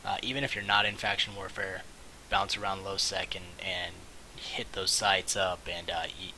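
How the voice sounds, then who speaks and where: A man giving casual, rambling and halting commentary on a game stream, with mouse clicking behind him. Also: low-pitched, little pitch movement, sharp tone, rough recording. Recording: hissy mic, faint background noise.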